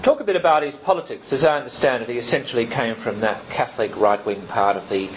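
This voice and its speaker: A man chairing a book talk, casual and halting, with many fillers and restarts. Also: medium pitch, animated, slight background noise, poor audio. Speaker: event chair. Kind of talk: casual hosting and Q&A. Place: lecture room with an audience.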